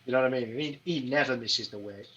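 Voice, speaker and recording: A man talking casually on a podcast, swearing freely and telling rambling fight stories. His voice sits at an ordinary middle pitch for a man. He keeps checking in with "do you know what I mean". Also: quick pace, muffled recording, a crowd in the background. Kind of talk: casual chat.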